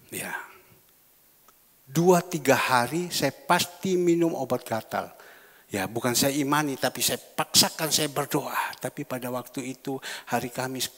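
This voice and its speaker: Man, pastor, sermon, bright sharp tone, loud to hushed delivery, reverberant church hall. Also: mid-range voice. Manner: shifts from loud exhortation to hushed storytelling.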